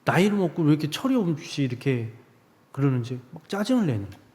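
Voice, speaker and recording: A man preaching a sermon as a guest preacher, telling a personal story and acting out his own inner voice, swinging from loud to hushed. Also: on the high side, big pitch swings, fast. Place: church sanctuary. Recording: preached in a church hall with long reverb.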